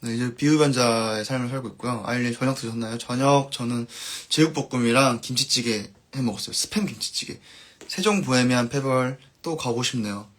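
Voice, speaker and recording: Relaxed man chatting on a live stream. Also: mid-range voice, fairly quick. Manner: relaxed, trailing off softly at line ends. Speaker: band musician hosting a live stream. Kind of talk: casual live-stream chat, reading viewer comments.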